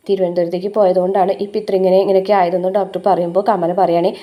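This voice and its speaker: Low-voiced woman retelling a story. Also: little pitch movement, very fast, mellow. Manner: chatty retelling with frequent "uh" fillers. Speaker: serial recap presenter. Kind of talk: casual story recap.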